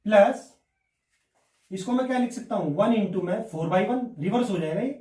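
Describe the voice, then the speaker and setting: A man teaches a maths lesson in a high voice. He talks the class through every step and keeps asking his own questions before he answers them. The sound is roomy and echoing, with the mic some way off. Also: animated, moderate pace, darkish tone. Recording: echoey room, mic at a distance.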